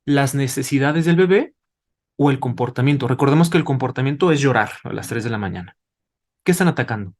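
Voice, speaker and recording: A man's voice: mid-range voice, lively intonation, fairly quick. A man, a doctor, explaining to parents in a didactic way, asking rhetorical questions as he goes. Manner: didactic, asks rhetorical questions, tags with "¿vale?". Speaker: doctor, invited expert.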